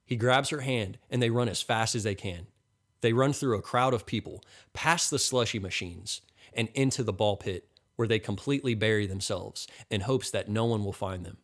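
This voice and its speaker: A man reading a crude comedy story as scripted narration, deadpan. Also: lowish voice, normal speed.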